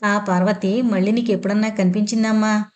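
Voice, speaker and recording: A woman's voice: mid-range voice, fairly even intonation, fairly quick, darkish tone, close to an everyday voice. A woman voicing an anxious, determined father who presses with urgent questions.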